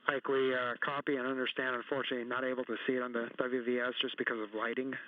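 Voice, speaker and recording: A man's voice: mid-range voice, little pitch movement, quick pace, no room sound. A man speaking as a ground controller to a spacewalker over a tinny space-to-ground radio loop, in clipped, businesslike procedure talk. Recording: tinny dry radio line.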